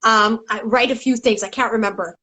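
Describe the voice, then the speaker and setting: A woman's voice: fairly high pitch, fairly even intonation, a little fast, bright, forceful tone. A middle-aged woman chatting as a guest, telling stories animatedly, laughing often and acting out quotes. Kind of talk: casual conversation.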